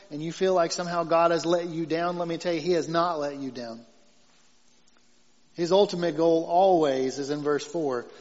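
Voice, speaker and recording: A male pastor preaching a conversational sermon, moving from emphatic points to soft, tender passages. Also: on the high side. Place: church sanctuary. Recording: dull sound in a reverberant hall.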